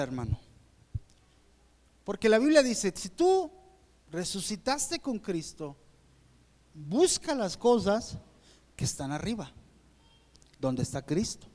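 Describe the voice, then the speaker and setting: A man's voice: high voice, sing-song, slow, pauses often, a little mellow. A man with a Mexican accent preaching a sermon to his congregation in a church auditorium, talking conversationally and often checking that they agree. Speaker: pastor. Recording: long reverb of a church hall.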